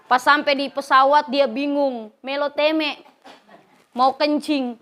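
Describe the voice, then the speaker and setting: Very high-voiced woman preacher. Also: slow pace. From West Java, Indonesia. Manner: lively storytelling, acting out characters, frequent laughter. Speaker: female Islamic preacher. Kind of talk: humorous religious lecture.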